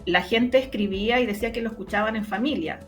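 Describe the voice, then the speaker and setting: A woman with a Chilean accent, a producer of radio drama and audio stories, speaks reflectively and expressively in a conversational interview, often repeating words for emphasis. Her voice is on the high side and fast, with soft music in the background.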